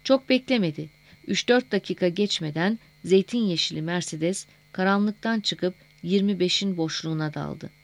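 A woman narrating a novel as an audiobook in a measured, steady reading voice. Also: lowish voice, no room sound.

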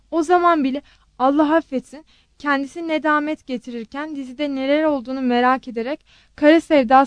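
A woman narrating an audiobook in a steady, measured manner. Her voice sits somewhat high, and the recording is close and dry with no room sound. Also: no echo.

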